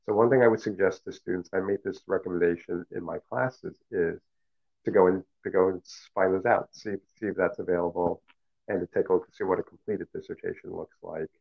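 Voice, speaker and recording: A middle-aged man who teaches as a professor and speaks Cantonese as his first language gives thoughtful, measured interview answers, stumbling through fillers and restarts. He sounds low and gravelly with fairly even intonation, and the recording is narrow like a phone.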